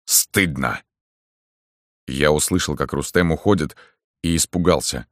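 A man narrating a first-person novel in a steady, even reading. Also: a bass voice, moderate pace, dry recording, studio quality. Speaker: audiobook narrator.

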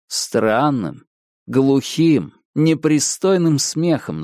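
A man narrating a gothic story in a measured, somber, dramatic reading. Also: mid-range voice, darkish tone, no echo, clean studio sound. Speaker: audiobook narrator. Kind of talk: scripted narration.

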